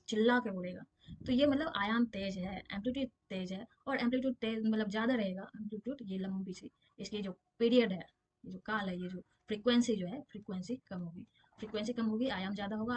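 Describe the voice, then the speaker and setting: A woman physics teacher giving a casual exam-prep lesson, explaining with everyday examples and often checking that her students understand. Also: fairly high pitch.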